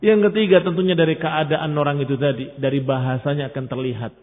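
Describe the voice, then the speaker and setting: A man's voice: fairly high pitch, fairly even intonation, fast talker. A man giving an emphatic religious lecture on creed, mixing Arabic terms into his explanation and rising sharply when rebuking. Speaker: Islamic teacher. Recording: tinny phone-like sound in a long-reverb hall.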